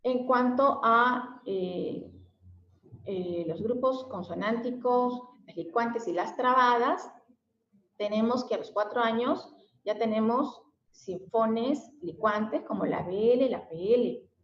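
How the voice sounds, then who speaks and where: A woman's voice: a little high, slow. Woman explaining speech disorders in an echoey room. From Mexico. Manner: frequent fillers and tag questions. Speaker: special education teacher. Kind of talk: explanatory lesson. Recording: echoey room, dull lo-fi sound.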